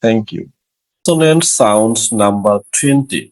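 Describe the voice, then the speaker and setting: A man with a Bengali accent teaching English pronunciation, saying each example word slowly and repeating it. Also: lowish voice, a little mellow. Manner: slow, drawn-out repetition of each word. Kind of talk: pronunciation lesson.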